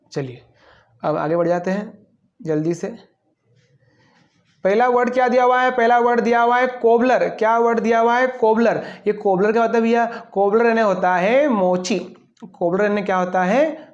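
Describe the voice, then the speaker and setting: A man's voice: high-pitched, steady tone, moderate pace, pauses often. Man teaching in a dull lo-fi recording. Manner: asks a question, then answers it himself; playful asides between words. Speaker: English teacher. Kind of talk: online class lesson.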